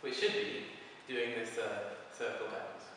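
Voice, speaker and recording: This man's voice sits on the low side with little pitch movement, and he keeps a measured pace. In a casual video tutorial, he loosely talks through each step of a prop-spinning move while showing it. The background is noisy, and the far-off mic catches the echo of a hall.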